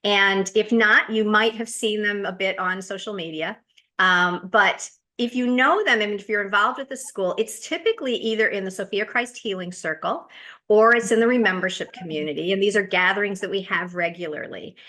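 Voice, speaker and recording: A woman's voice: medium pitch, normal speed, pushed and bright. A woman from the United States hosting a podcast interview, chatty, with frequent fillers and restarts. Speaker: podcast host. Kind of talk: casual interview introduction.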